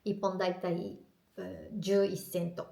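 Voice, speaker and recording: Chatty Japanese woman vlogger, gravelly edge. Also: fairly low pitch, moderate pace, echoey room. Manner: lively, chatty storytelling. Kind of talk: casual chat to camera.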